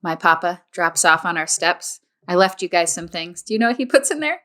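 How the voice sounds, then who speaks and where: A woman's voice: on the low side, expressive, fairly quick, a bit bright. A woman in her twenties co-hosting a podcast, chatting casually and telling stories with playful teasing. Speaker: podcast co-host. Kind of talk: casual chat.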